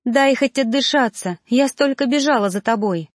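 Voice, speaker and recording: A woman's voice: high-pitched, normal speed, no room sound, clean studio sound, voice pushed up. A woman voicing a bold, teasing young female apprentice in an audiobook, with a raised, mocking voice. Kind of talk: audiobook character voice.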